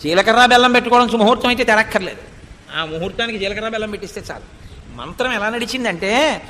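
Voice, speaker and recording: A man with a very high, bright voice delivers a devotional scripture discourse. He expounds point by point, poses rhetorical questions and chants Sanskrit verses. His voice rings with a long hall reverb. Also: quick pace. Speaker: spiritual discourse speaker.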